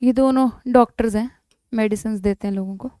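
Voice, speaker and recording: A woman's voice: fairly high pitch, steady tone, brisk, dark tone, dry recording, clean studio sound. A woman teaching an exam revision lesson in biology, emphatic and coaxing, often calling her students "beta".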